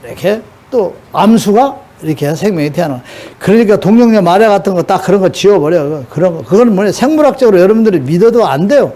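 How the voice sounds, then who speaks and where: A man's voice: sits high, animated, fast talker, warm tone. Scolding older man preaching. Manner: scolding, asks the audience rhetorical questions. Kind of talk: sermon.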